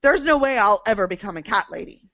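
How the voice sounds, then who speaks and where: A woman's voice: mid-range voice, animated, quick pace, a bit bright, dull audio, lightly acted. A woman playing a sarcastic young college grad. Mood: wry. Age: young adult. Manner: sarcastic, defiant. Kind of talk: audio drama acting.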